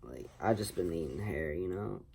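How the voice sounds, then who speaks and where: A man's voice: deep voice, expressive, moderate pace, mellow, breathy edge. A young man chatting casually as an online video creator, rambling and repeating his phrases. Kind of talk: casual vlog chat.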